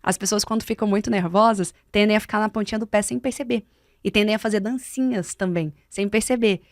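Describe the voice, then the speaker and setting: A woman's voice: mid-range voice, a little fast, no echo, clean studio sound. A Brazilian woman mentor explaining speaking techniques on a podcast, emphatic and didactic. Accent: Brazilian Portuguese. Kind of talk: podcast conversation. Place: podcast studio.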